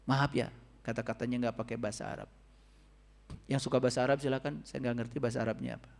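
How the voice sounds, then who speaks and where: A man giving a spiritual sermon to a congregation, asking the audience questions and swinging between soft and loud passages. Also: mid-range voice, steady tone, fast talker, creaky. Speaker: religious teacher. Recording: long reverb of a hall.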